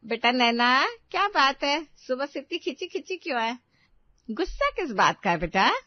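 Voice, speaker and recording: A woman's voice: high-pitched, sing-song, moderate pace, no echo, lo-fi sound. Woman doing a fussy old-fashioned mother-in-law. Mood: coaxing.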